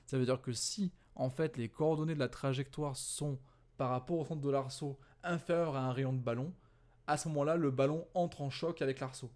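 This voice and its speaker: A man, maybe a young teacher, explains exam answers in a loose, chatty voice at an ordinary middle pitch. He stumbles, backs up and fixes his own words as he goes, with plenty of fillers. He sounds a little tired, like he is working late into the night. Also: steady tone, moderate pace, a little mellow. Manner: conversational, many fillers and self-corrections. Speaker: physics teacher. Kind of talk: casual exam walkthrough.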